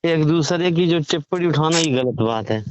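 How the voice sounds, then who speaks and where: A religious storyteller-performer gives his opinion in an informal phone call, explaining his disapproval and often asking rhetorical questions. The recorded call is muffled, with slight background noise, and his man's voice is on the high side at a normal speed.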